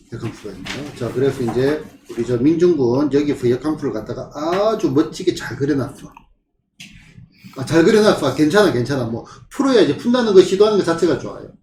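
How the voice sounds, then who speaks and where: Man, math tutor, slightly high voice, roomy echo, faint background hum. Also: dark tone. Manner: questioning, with frequent rhetorical check-ins. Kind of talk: classroom problem walkthrough. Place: tutoring classroom. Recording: echoey room with faint ambient noise.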